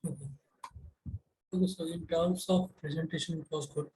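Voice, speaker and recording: A man's voice: on the high side, steady tone, normal speed, dark tone. A man with an Indian accent giving instructive feedback as a mentor on a video call. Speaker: internship mentor hosting the meeting. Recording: noisy video-call audio.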